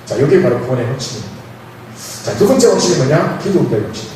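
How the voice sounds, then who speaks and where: A fast-talking man preaches a storytelling sermon. His voice is bright, and it swings up and down as he acts out the voices in his story. He is heard from across a church hall, with heavy echo and faint room noise. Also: medium pitch. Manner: animated, playful, acts out dialogue with laughs. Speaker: pastor. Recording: echoey hall, mic from far off.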